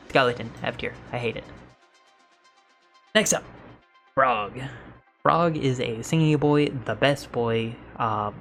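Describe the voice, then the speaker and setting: A tired man giving casual, blunt tier list commentary for a gaming video in a monotone voice, with many filler pauses. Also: mid-range voice.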